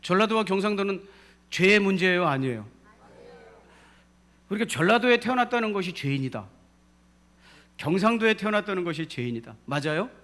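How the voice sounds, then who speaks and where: A pastor with a high, fairly bright voice delivers his sermon inside a church sanctuary. The congregation answers him as he climbs toward emphatic high points.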